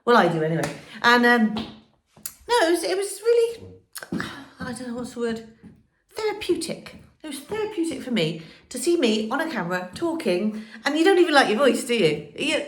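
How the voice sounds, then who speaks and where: In a reverberant room beside a fireplace in an old house, a vlogger with a cold chats through a home how-to, her voice nasal and stuffy and her rambling peppered with ums. Her pitch is on the high side and sing-song, and she talks at a normal speed.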